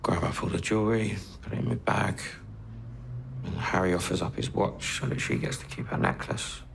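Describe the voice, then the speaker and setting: A gravelly drug dealer. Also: male voice, deep voice, steady tone, normal speed, a little hiss or hum. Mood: guarded. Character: gruff young male drug dealer suspect in interrogation. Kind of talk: TV crime drama acting.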